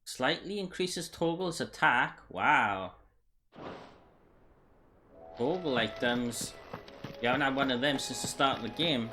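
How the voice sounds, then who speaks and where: A man's voice: mid-range voice, unhurried, pauses often, pushed and bright, slight background noise. A man giving casual let's play commentary, chatting and thinking aloud while he plays. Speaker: gaming youtuber. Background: game music.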